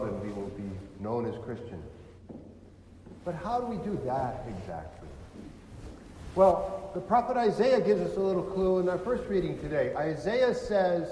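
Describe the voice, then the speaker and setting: A man's voice: on the high side, darkish tone, slight background noise. A man with a California accent giving a Sunday homily as a deacon, conversational and full of rhetorical questions. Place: church. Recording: echoey church with long reverb.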